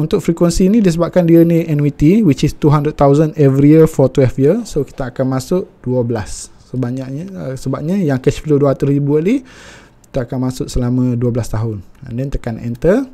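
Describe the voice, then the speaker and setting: Brief: young Malaysian man, mellow tone, patient step-by-step finance tutor, filler-heavy. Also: a little high, normal speed. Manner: mixes Malay and English, many fillers.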